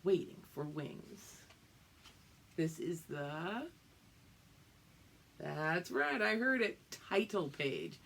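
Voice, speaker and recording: Low-pitched and creaky, this woman's voice comes with slight background noise. She teaches young pupils, reading them a picture book in a drawn-out, expressive style while explaining as she goes and checking they follow.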